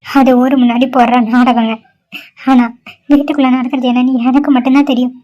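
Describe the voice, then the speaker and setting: A woman's voice: high-pitched, flat delivery, fairly quick, dark tone, muffled recording, lightly acted. A woman voicing a sorrowful young woman in a cartoon who is mistreated at home. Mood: sad. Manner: sorrowful, despairing. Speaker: cartoon character.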